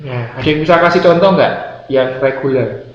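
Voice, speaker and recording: This Indonesian teacher has a medium-pitched voice and a moderate pace, patiently walking his class through English grammar while repeating key words and testing his students. It's a classroom lecture recorded in a spacious room, with dull, lo-fi audio and a bit of faint noise.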